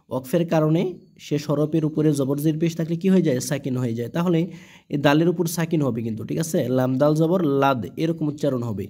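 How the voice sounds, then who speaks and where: A man teaching Quran reading in a slow, patient lesson, spelling each word letter by letter and repeating it. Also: fairly high pitch, dark tone. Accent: Bangladeshi Bengali.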